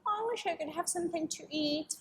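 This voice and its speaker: A woman's voice: very high-pitched, fairly quick, a bit bright, slight background noise, voice pushed up. A woman voicing a very little, hungry storybook caterpillar, wistful and childlike, in a plaintive manner. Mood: wistful hunger.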